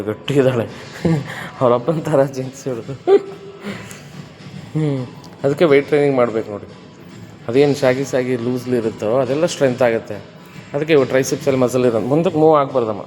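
This trainer has a medium-pitched, slightly mellow voice as he takes a woman through her workout. His delivery is firm and repetitive, blending barked gym commands with explanation. Roomy reverb and background music fill the recording.

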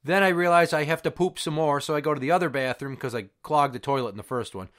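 A man's voice: a little high, quick pace, a bit bright. A middle-aged man delivering a casual personal rant in a blunt, exasperated way, with plenty of swearing. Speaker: host of a rant show.

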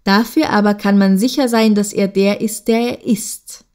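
A woman's voice: mid-range voice, fairly even intonation, normal speed, darkish tone, clean tone, natural voice. A woman voicing a jealous, scheming wild goose sister who speaks in a sly, insinuating way.

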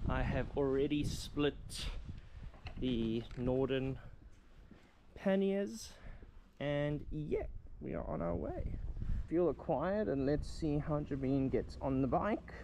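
A young man chats in an easygoing, upbeat way while setting up camp, his voice sitting at an ordinary middle pitch. He is recorded on an action camera out in the bush, with clear outdoor noise around him. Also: slow, a little mellow. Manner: easygoing, upbeat, lots of "cool". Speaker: travel vlogger. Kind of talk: casual running commentary. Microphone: action camera on bike or helmet.

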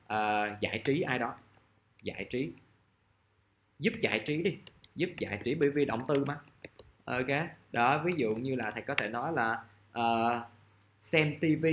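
A man's voice: medium pitch, a bit bright, a little hiss or hum. A male English teacher, explaining a vocabulary lesson patiently and repeating key words while checking in with his students.

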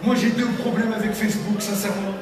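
A young man from Tunisia doing stand-up comedy on a theater stage and acting out characters with sudden pitch jumps. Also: level tone, brisk. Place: large theater stage with live audience. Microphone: handheld mic, filmed from the audience. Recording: echoey hall from far off, crowd noise.

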